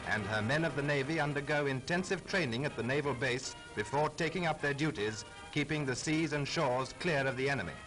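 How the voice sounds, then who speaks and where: A man's voice: mid-range voice, rough recording. A man giving formal, patriotic narration on a 1940s wartime newsreel soundtrack. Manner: brisk, formal, patriotic delivery. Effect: old newsreel soundtrack. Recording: old newsreel soundtrack over loud music.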